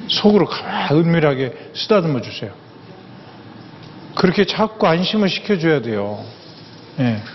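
A man's voice: fairly high pitch, sing-song, normal speed, long pauses, a little hiss or hum. An older man giving a humorous lecture, folksy and anecdotal, repeating words for emphasis. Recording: echoey hall, dull sound, faint ambience.

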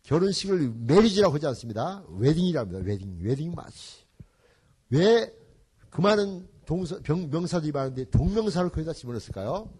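Older church elder giving a parenting seminar, husky voice that jumps all over, acts out family stories. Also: male voice, a little high, a little fast. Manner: animated storytelling, acting out family scenes, dropping in English phrases. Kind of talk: seminar talk with storytelling.

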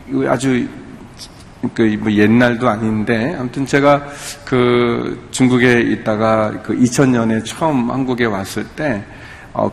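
Male pastor, gravelly, halting conversational sermon, reverberant hall. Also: mid-range voice. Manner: conversational, halting with many fillers. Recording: echoey hall.

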